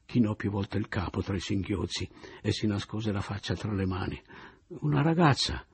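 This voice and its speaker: Man narrating an audiobook, deep low voice, husky rasp, theatrical first-person reading. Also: little pitch movement, normal speed, a little mellow.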